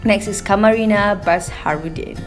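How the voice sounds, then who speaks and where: A woman's voice: medium pitch, normal speed, over music. A young Malaysian woman with a Malaysian accent co-hosting an online show, chatting casually and reading out comments, slipping between English and Malay. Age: young adult.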